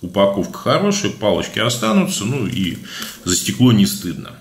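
A man with a speech impediment on his r's, giving a casual, halting product review as a video blogger. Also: on the low side, big pitch swings. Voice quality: burred, defective r sound. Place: indoors, at a table, hands-only shot.

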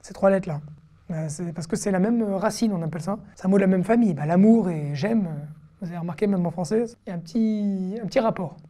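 A woman teaching an online reading lesson, patiently repeating syllables slowly with casual fillers. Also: mid-range voice, warm tone. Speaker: Hebrew teacher.

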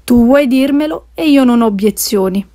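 A dry, ironic middle-aged husband from an audiobook, read by a woman, calm and teasing in his answers. The voice stays fairly high and soft, in a mellow tone. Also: moderate pace, close to an everyday voice. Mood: wry. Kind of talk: audiobook character reading.

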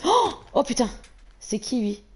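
A woman's voice: high voice, sing-song, unhurried, husky. A woman, chatting casually with teammates while gaming, teasing them, laughing and swearing freely. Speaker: streamer playing an online shooter.

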